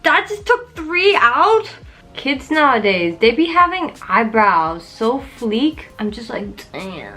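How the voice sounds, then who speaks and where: Young female vlogger, fairly high, animated voice, jokey and rambling, faint music behind. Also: slow. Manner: joking, rambling, yelps in pain. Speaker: beauty vlogger. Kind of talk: casual chatty tutorial. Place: at home in front of a mirror.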